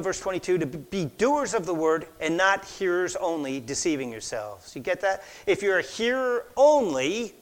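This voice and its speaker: Guy preaching a sermon, kinda high voice, tells funny stories and does the voices. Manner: animated storytelling, acts out quoted voices, drops to a near whisper for effect. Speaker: pastor. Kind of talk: sermon with anecdotes.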